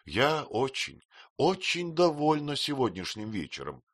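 A man's voice: wildly swooping pitch, a little slow. Tearful young mother, as a male narrator puts her on. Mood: pleased. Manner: high plaintive pleading, crying reproaches. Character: young widowed mother, emotional, tearful, flustered.

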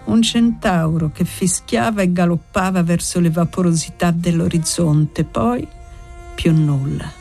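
A woman narrating a classic novel as an audiobook, reading in a measured, expressive way. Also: lowish voice, creaky, faint music behind. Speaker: audiobook reader.

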